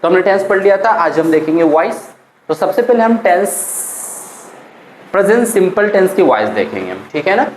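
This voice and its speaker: An Indian woman teaching English grammar to students, drilling sentence patterns slowly and often checking they follow along. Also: on the low side, big pitch swings, a little mellow, reverberant, a little hiss or hum, poor audio. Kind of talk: classroom grammar lesson.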